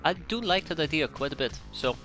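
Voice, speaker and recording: A Netherlands-born man with a Dutch accent streams a strategy game from home, his fairly high, expressive voice a little fast and sharp, with faint music behind. He chats casually with viewers, rambling, correcting himself often, and chuckling in asides.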